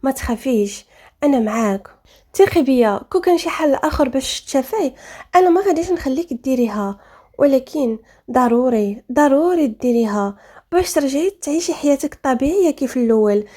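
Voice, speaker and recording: A woman with a Moroccan accent voicing a caring, devoted young husband who speaks softly and tenderly to reassure his wife. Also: sits high, lively intonation, a little fast. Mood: reassuring. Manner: soft, tender, pleading.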